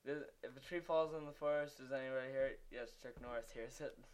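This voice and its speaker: A man's voice: medium pitch, steady tone, fast, smooth. A teenage boy co-hosting a podcast, chatting casually and answering with dry reactions. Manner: laughing along, dry reactions. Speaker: podcast co-host. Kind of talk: casual chat.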